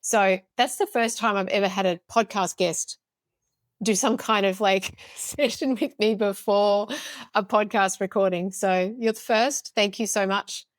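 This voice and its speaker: A woman's voice: medium pitch, fairly even intonation, measured pace, no room sound. A woman hosting a podcast interview, speaking in an enthusiastic, upbeat way. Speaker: podcast host.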